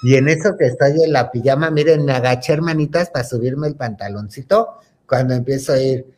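A man's voice: mid-range voice, brisk, a little mellow. A man telling a gossip story in a campy, theatrical way, calling his listeners "hermanitas". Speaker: host.

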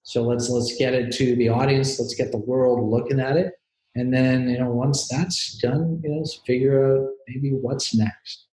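A man's voice: mid-range voice, steady tone, a little slow, a little mellow. Thoughtful hedging man in echoey room. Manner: thoughtful, hedging with you know and I mean. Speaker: filmmaker guest. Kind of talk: casual interview talk.

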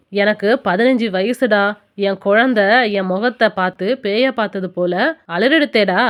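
A woman voicing a fierce, grieving elderly grandmother in an audiobook, speaking slowly and deliberately in a lowered voice. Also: clear, resonant tone, close to an everyday voice. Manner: slow, low, deliberate speech. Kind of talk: audiobook character voice.

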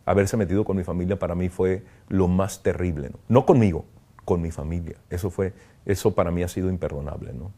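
Priest, man, deep and mellow, earnest halting interview testimony. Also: fairly even intonation, breathy edge. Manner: earnest, halting, reflective, with frequent "¿no?". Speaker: priest, kidnapping survivor interviewee.

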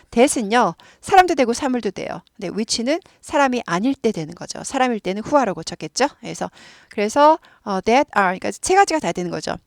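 A woman's voice: on the high side, no room sound, studio quality. A woman with a Korean accent, explaining English grammar patiently and repeating words so listeners can drill along. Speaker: English teacher.

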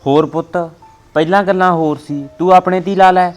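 Older rural Punjabi father played by a man, fatherly, unhurried, faint music under. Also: high-pitched, fairly even intonation, lightly acted. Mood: weary. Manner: slow, fatherly advising. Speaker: father of a grown son. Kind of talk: family web drama acting.

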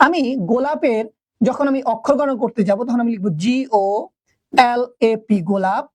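A young woman teacher giving a video lesson, asking her students questions and drawing out words slowly to count their syllables. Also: fairly high pitch, darkish tone, no echo.

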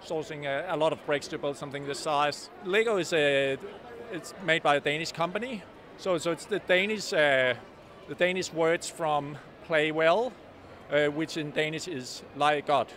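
A man's voice: a little high, normal speed, fairly bright tone, a little hiss or hum. A man exhibiting at an expo, answering an interview in a hesitant, fumbling way. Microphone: handheld mic.

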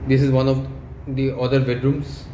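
A man from India narrating a walkthrough of an empty furnished flat, speaking plainly and haltingly as he points things out, filmed on a handheld phone. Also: medium pitch. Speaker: property tour guide. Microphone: handheld phone camera. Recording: echoey room with loud air-con and traffic hum.

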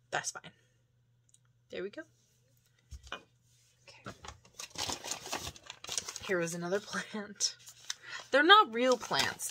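A woman with a fairly low voice talks casually to her viewers, rambling along with fillers and quick laughs. She sometimes slips into soft, breathy asides. A clear layer of background noise runs under her home recording. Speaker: vlogger showing a shopping haul. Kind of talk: casual chat to camera.

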